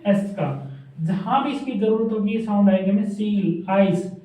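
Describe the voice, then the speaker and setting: A man's voice: high voice, unhurried, mellow. A man teaching a shorthand lesson at a board, repeating each point and checking that students follow. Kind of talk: classroom lesson at a whiteboard. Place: classroom with a board. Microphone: camera's mic from across the room. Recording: very echoey room, voice far off.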